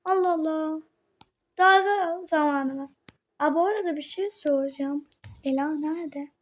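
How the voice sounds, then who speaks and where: An exasperated schoolteacher scolds her class in a high voice, played by a woman. She speaks slowly, fussing and clucking at the children.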